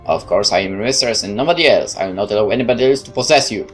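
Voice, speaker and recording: A woman's voice: rumbling low, expressive, racing, soft background music. A woman voicing a confident, protective mistress in a game story, firm and reassuring with tenderness toward her follower. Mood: tender, certain.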